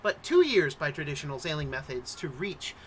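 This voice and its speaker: A man's voice: fairly high pitch, very animated, brisk, slight background noise. A man hosting as game master, introducing and narrating a tabletop game like a theatrical storyteller.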